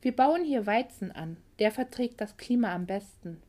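A woman voicing a calm, charming young male mechanic in a storybook reading, with a laid-back, teasing manner. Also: a little high, normal speed, natural voice. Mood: relaxed.

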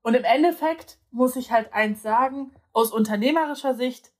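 A young woman talks in a relaxed, conversational way, and her voice sits a little on the high side. She often pauses to search for words and restarts her sentences. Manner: hesitant, many fillers and restarts. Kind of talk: casual chat.

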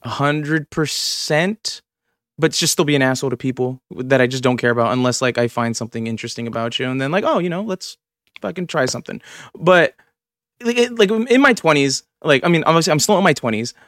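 A man's voice: medium pitch, expressive, fairly quick, fairly bright tone, no room sound, studio quality. A man in his twenties hosting a podcast, talking in a rambling, profane, filler-heavy way. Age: 20s. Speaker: podcast host. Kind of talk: casual chat.

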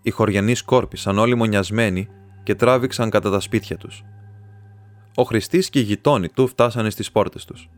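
Low-voiced man reading a story. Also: no room sound. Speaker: audiobook reader. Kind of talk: reading a classic short story aloud.

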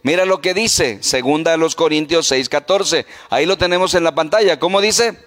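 A man's voice: on the high side, moderate pace, a bit bright, in a large hall. A man preaching a sermon as pastor, putting questions to the congregation.

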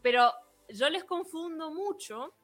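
A woman's voice: very high-pitched, slow, soft background music. A woman in her thirties from Argentina, with a non-porteño Argentine accent, chatting as a guest on a stream and telling stories with easy laughs. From Argentina, outside Buenos Aires. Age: 30s. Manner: lively, laughs easily, storytelling. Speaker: guest, programming teacher. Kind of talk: casual interview on a stream.

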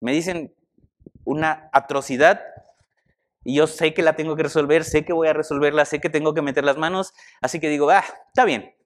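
With a fairly high-pitched, brisk voice, this young man delivers an animated, conversational sermon and puts questions to the congregation.

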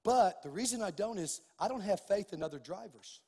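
A man with a husky, unusually high voice preaches a sermon, telling stories and rising to forceful declarations. His voice carries a long reverb through a large church hall. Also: brisk. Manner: animated storytelling preacher, rising to loud emphatic declarations. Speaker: pastor.

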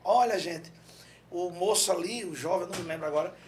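A man from João Pessoa, Paraíba, Brazil, speaking with a Northeastern Brazilian accent, tells an animated story as a podcast guest, acting out quotes and bursting into song. His voice is high-pitched, husky and fairly quick.

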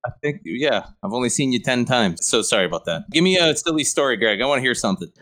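A man's voice: medium pitch, quick pace. A middle-aged man co-hosting a podcast, telling funny stories in casual chat and acting out the voices of people he quotes. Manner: animated storyteller, acts out quoted voices. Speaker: podcast co-host.

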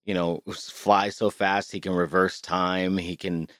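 This deep male voice barely moves in pitch, keeps a measured pace, and sounds a bit bright, with a dry, clean studio quality. He co-hosts a podcast from a small closet, chatting casually, cursing a lot, and frequently starting over.

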